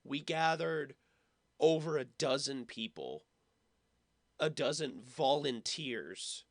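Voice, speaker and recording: Guy doing casual watch party commentary, slowish, bright voice, very dry sound. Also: mid-range voice, expressive, no room sound. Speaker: watch party host, former production team member.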